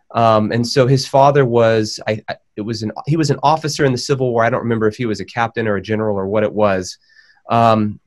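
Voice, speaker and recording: A man speaking as a panel guest, telling a biography in a thoughtful, conversational way with frequent pauses and restarts. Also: medium pitch. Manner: thoughtful, many fillers and restarts.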